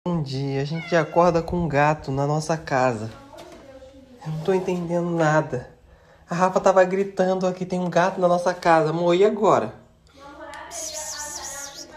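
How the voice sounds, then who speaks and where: A young man vlogging casually, talking in a playful, coaxing way. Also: sits high. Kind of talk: casual phone stories.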